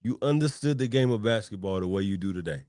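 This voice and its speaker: A man guesting on a podcast as a mindset coach, making his points in a calm, measured way. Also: on the low side, no room sound, clean studio sound. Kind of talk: casual chat.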